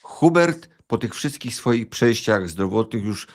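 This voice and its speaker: A male tennis pundit with a lowish voice, talking through players in a relaxed chat. He is measured and analytical, pausing now and then to find the right word. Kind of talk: casual sports chat.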